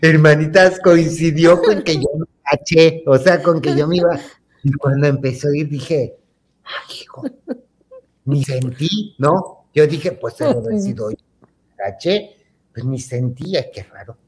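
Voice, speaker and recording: A man's voice: a little high, normal speed, darkish tone, slight background noise. A man telling a gossip story in a campy, theatrical way, calling his listeners "hermanitas". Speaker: host.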